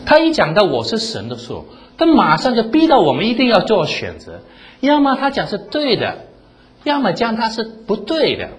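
A man preaching a sermon, animated, asking the room rhetorical questions and quoting scripture in dramatic voices. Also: sits high, moderate pace, a little hiss or hum. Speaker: pastor.

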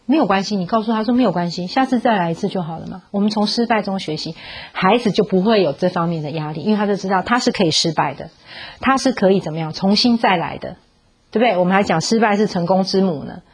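A woman's voice: fast talker, breathy edge. A woman giving a parenting talk, telling a Bible story and coaxing the audience with questions, slipping in English words. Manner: acts out quoted voices with rising pitch. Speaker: parenting speaker.

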